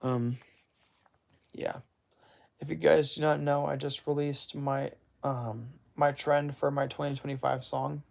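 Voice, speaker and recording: Rambling man with a gravelly voice. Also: medium pitch, flat delivery, unhurried, a little mellow. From United States. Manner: rambling, self-correcting, reacts to live chat. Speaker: livestream host. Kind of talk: casual livestream chat.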